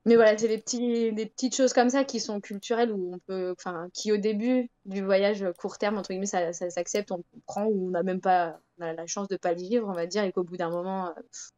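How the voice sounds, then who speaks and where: A woman from Europe speaks frankly on a live talk show, hesitant and full of fillers and restarts. Her sound is a little dull, with the top end softened. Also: medium pitch, steady tone, brisk. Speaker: guest traveler.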